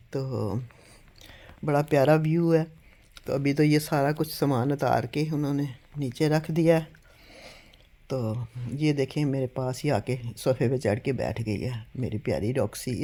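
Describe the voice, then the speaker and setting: A woman's voice: low voice, dark tone. An older woman telling a story at home to a phone camera, earnest and a little weak from illness, often urging listeners to believe her. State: weak and unwell. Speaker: home vlogger.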